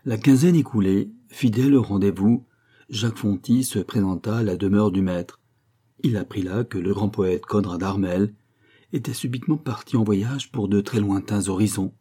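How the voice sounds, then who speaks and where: A man reading a literary short story aloud in a measured way, as scripted narration. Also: fairly low pitch, warm tone, husky.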